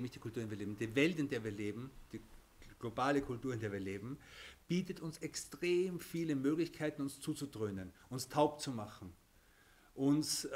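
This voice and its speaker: A man's voice: fairly high pitch, darkish tone. A man teaching a religious lesson, explaining with everyday examples, often restarting and checking in with "okay?".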